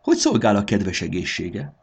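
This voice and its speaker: Storybook figure: courteous, formal, gently grumbling gentleman, man performs, gravelly. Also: fairly low pitch, wildly swooping pitch, voice pushed up, full character voice. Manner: polite, formal, slightly grumbling. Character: courteous, gruff grown-up man Módusz.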